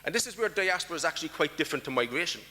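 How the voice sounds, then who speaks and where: On stage in a large conference hall, an Irishman delivers a talk in a bright, forceful voice on the high side, speaking very fast and expressively as a long reverb trails behind him. He hammers his points with emphasis and keeps firing rhetorical questions at the audience.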